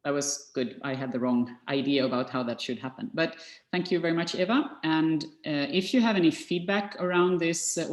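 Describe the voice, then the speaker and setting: A woman's voice: deep voice, darkish tone. A woman hosting an online workshop, talking with many fillers and restarts. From Sweden. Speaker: workshop host. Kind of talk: online meeting moderation. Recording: echoey video-call audio.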